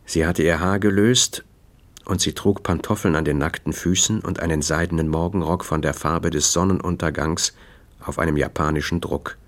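A man reading a first-person audiobook in a dry, measured, matter-of-fact way. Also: low-pitched, steady tone. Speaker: narrator.

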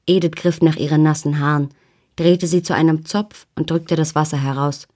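Woman, audiobook narrator, first-person novel, measured, tense, very low voice. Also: steady tone, a little mellow.

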